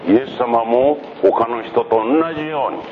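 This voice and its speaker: A man telling a Bible story to children in a gentle, playful way, acting out sound effects, in a muffled lo-fi recording with background noise. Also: medium pitch, measured pace.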